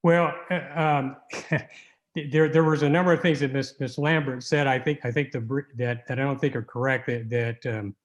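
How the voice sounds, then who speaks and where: A man giving an oral argument in court as an appellate lawyer, halting and argumentative, often repeating words. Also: medium pitch.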